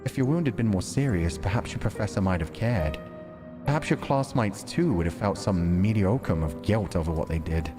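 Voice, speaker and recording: Music plays behind this long-reverb recording of a man with a lowish, animated voice. He's livestreaming a visual novel, narrating it dramatically and chatting about it casually, and his reading takes on a slow, deliberate storytelling manner.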